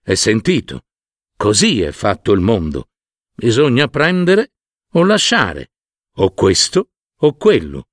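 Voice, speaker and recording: A man voicing a patient, good-humored old father who talks calmly, in a spoken folk tale. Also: fairly low pitch, takes it slowly, long pauses, no echo, clean studio sound, full character voice. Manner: calm, resigned.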